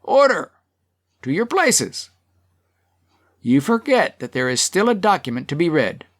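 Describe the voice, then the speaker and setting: A man's voice: a little high, very animated, a little fast, fairly bright tone. A man doing a stern chairman calling a meeting to order. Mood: commanding. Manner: commanding, calls for order.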